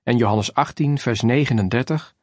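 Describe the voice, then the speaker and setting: A man reading a religious book aloud as narrator, in a measured, even way that includes chapter and verse numbers. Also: mid-range voice, dry recording, clean studio sound.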